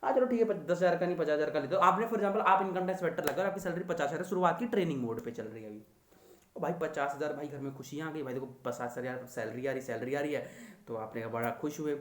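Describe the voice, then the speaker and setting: A man's voice: a little high, fast, reverberant, slight background noise. A young man teaching economics to exam students in a chatty, teasing lecture style. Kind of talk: casual Hindi lecture.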